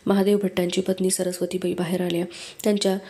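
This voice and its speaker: A woman reads a book aloud, telling the story in a steady narrating manner. Her voice is mellow and warm. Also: fairly low pitch, fast talker, a little hiss or hum. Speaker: book reader.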